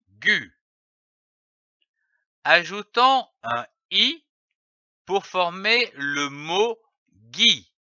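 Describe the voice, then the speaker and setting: Man, reading teacher, somewhat high pitch, spells out syllables very slowly, close and dry. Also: sharp tone, no echo, dull audio. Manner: spells out letters slowly and carefully. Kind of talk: slow syllable-by-syllable reading lesson.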